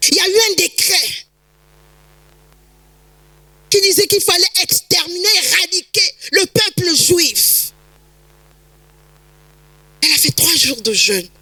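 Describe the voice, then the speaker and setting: A woman pastor preaching a sermon, emphatic, with repetitions and sudden rises to near shouts. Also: sits high, no room sound, low-quality recording.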